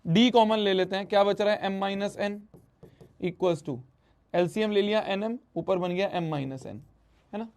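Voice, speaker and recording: A man's voice: high-pitched, unhurried, darkish tone. A man teaching a math lesson, repeating his phrases and mixing Hindi with English math terms.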